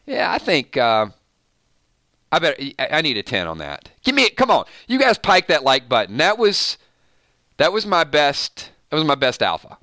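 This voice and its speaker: A show host from Georgia, USA, speaking with a Southern Georgia accent, chats casually on a live stream, rambling, laughing often and responding to viewer comments. His voice is a little high with huge pitch swings, pushed and bright at a moderate pace, in clean studio sound with no echo.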